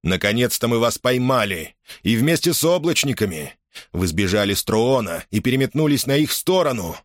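A man's voice: fairly low pitch, lively intonation, normal speed, no echo, studio quality, close to an everyday voice. Stern young imperial captain, read by a man. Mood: stern accusing. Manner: harsh, accusing, formal. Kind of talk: audiobook character voice.

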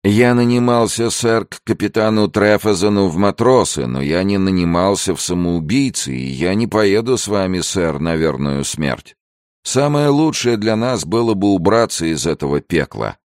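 A man with a very deep voice voicing a wary, stubborn ship's sailor who refuses firmly but respectfully in a story reading. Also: expressive, moderate pace, a little mellow, no room sound, clean studio sound. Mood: refusing.

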